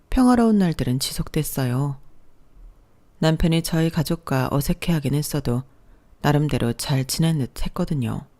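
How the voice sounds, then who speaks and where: A young woman narrating a personal story in a calm, steady way. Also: deep voice.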